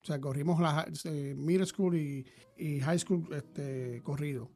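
A man's voice: on the high side, steady tone, unhurried, mellow, faint music behind. A man, co-hosting a podcast and chatting casually, hesitant, with many fillers and repeated words. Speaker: podcast co-host. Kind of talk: casual chat.

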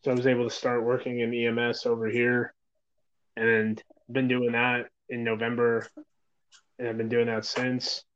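Rambling, profane medic from New York. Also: male voice, mid-range voice, completely flat delivery, moderate pace, fairly bright tone, smooth. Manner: rambling, profane, many fillers and "man". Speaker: guest, EMS medic. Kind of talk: casual interview talk. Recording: dull lo-fi recording.

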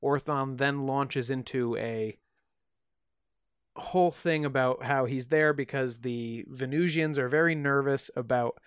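Smooth and steady, a bit slow and medium-pitched, this podcast co-host casually relates an odd tale with wry jokes and frequent fillers. The recording is dry and studio quality.

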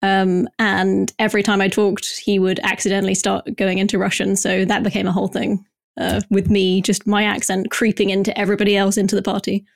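A woman's voice: mid-range voice, completely flat delivery, fairly quick, vocal fry, dry recording. Chatty giggly young woman, dry mic. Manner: chatty, giggly, lots of fillers. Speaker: news segment presenter. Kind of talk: casual podcast chat.

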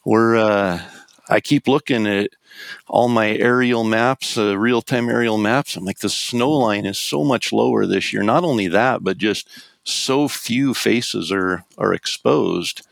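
A man with a gravelly, creaky voice on the low side, recorded dry. He gives casual outdoors advice, thoughtfully piecing it together as he talks. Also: a little slow, dry recording. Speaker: elk hunting expert.

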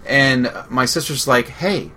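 A man's voice: medium pitch, a little fast, bright, forceful tone. A man co-hosting a radio show, casually telling a rambling story full of fillers and swearing.

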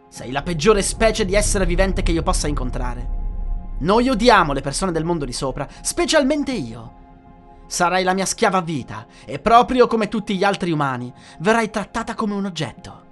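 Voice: medium pitch, close to an everyday voice. A narrator voicing a cruel, domineering heavyset queen who interrogates and threatens a prisoner, over faint music. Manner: imperious, interrogating, scornful.

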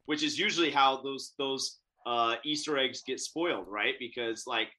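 A podcast co-host speaks with a bright, forceful, medium-pitched voice at a moderate pace during a casual interview chat over a video call. Working from a home office in the Bay Area, he's eager and talkative, laughing a lot and restarting his sentences.

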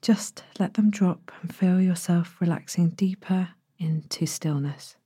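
A woman with a soft, breathy voice that slips toward a whisper, gently guiding a bedtime relaxation in the soothing, unhurried manner of a sleep story narrator. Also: on the low side, dry recording. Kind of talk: guided bedtime body-scan meditation, sleep story narrator delivery.

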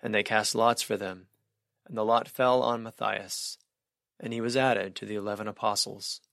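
A man reading scripture aloud in measured, deliberate phrases. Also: on the low side, steady tone, gravelly, a bit bright, no room sound, studio quality. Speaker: scripture reader.

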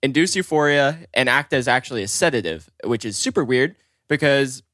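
A man's voice: mid-range voice, animated, fairly quick, a bit bright, no room sound. A man hosting a casual podcast, talking loosely, swearing and laughing mid-sentence into a close mic in a small home setup. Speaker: podcast host. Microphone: close studio mic with headphones.

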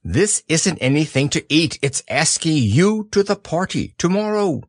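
A man's voice: on the high side, very animated, measured pace, dry recording, clean studio sound. A man reading a storybook aloud, voicing a fussy, self-important male owl. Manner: fussy, prim and emphatic.

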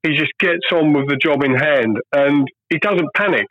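A man's voice: a little high, moderate pace, dry recording. Man, ex-darts pro guest, earnest and emphatic, on a dull, dry lo-fi line. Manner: earnest, emphatic, repeats key phrases. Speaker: guest, former professional darts player. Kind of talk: casual phone-in chat.

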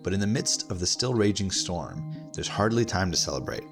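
A man narrates a documentary story with a low, gravelly voice. His delivery is measured and dramatic, with faint music underneath. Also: lively intonation.

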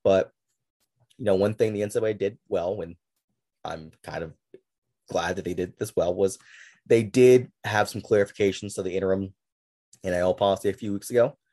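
A man's voice: low voice, fairly even intonation, fairly quick, long pauses, mellow. A man hosting a casual sports podcast, talking loosely and sarcastically, with frequent restarts. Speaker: podcast host. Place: at home with a game on TV.

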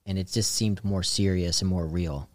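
A man's voice: deep voice, fairly even intonation, normal speed, no echo, studio quality. A young man from the Boston suburbs, a guest telling stories in a rambling, filler-heavy casual chat. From Boston suburbs, USA. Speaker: guest, comedian.

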